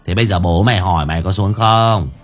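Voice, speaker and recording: A man's voice: low voice, fast talker, faint music behind. A man playing a boastful, crude old exorcist who talks with swaggering threats. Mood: cocky bragging.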